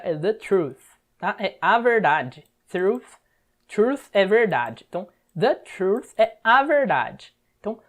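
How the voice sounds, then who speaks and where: Brazilian woman teaching English step by step. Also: mid-range voice. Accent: Brazilian Portuguese. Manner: explains word by word, often checks with a quick "tá?". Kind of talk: step-by-step language lesson.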